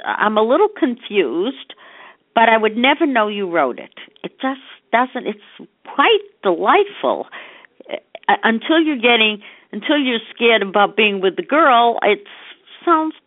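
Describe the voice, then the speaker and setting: Her voice sits fairly high, swings widely in pitch, and moves at a measured pace with no room sound. This older woman is a mother rambling casually into phone messages for her grown child, drifting into unfinished thoughts, all captured as muffled, narrow-band telephone voicemail.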